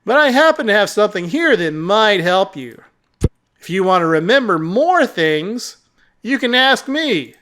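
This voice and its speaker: Snarky talking cat in a game, high and lively, sneers at you, guy doing the voice. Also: measured pace, heavily acted. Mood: smug. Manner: condescending, mocking.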